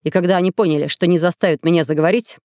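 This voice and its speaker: A storyteller voicing a composed, earnest captive traveller who keeps steady even under threat, recorded dry. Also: male voice, a little high, rapid-fire, no room sound, close to an everyday voice. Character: calm, self-possessed captive male traveller.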